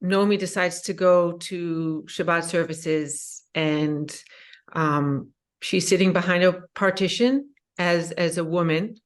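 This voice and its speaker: A woman's voice: fairly low pitch, slow pace. A middle-aged woman asks a personal question at a book talk, hesitant and full of fillers. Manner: hesitant, many fillers and restarts. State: emotional, voice rising. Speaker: audience member asking a question.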